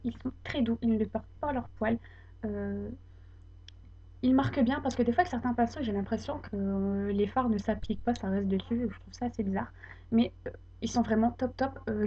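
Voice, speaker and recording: A woman's voice: fairly high pitch, dull audio. A young woman from France chatting casually about her favourite beauty products, full of fillers and repeated praise. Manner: chatty, many fillers, enthusiastic repetition. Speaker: beauty vlogger. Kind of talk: casual product review to camera.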